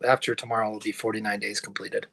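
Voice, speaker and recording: A man's voice: on the low side, level tone, fast, a bit bright, slightly rough. A man chatting as a guest on a video call, easygoing and rambling. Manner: easygoing, rambling with fillers and restarts. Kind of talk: casual chat on a video call.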